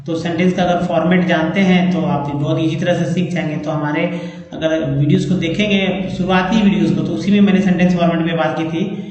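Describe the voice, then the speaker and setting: A man's voice: a little high, steady tone, a little mellow. Man teaching English words in an echoey room. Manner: spells out words slowly, repeats each many times. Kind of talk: pronunciation lesson. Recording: very echoey room, long reverb.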